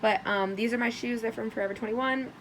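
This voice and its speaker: Bubbly sorority girl with a creaky, hoarse voice. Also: a little high, fairly even intonation, a little fast, fairly bright tone, a little hiss or hum, rough recording. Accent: American. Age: young adult. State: hoarse, losing her voice. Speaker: vlogger. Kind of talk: casual chatty vlog.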